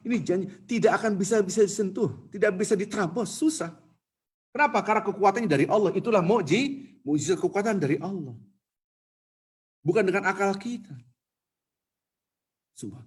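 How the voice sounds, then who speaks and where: A male preacher delivering a sermon to his congregation in a mosque. His voice sits on the high side and has a husky, breathy edge. He hammers points home with repetition and softens into hushed pleading for quoted prayers.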